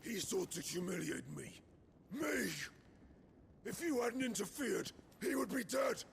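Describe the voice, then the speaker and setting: An actor playing a proud, wounded warlord in a video game, raging and yelling furious threats. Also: male voice, high voice, sing-song, unhurried, gravelly, slight background noise, heavily acted. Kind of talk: video game cutscene acting. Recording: game music behind the voice.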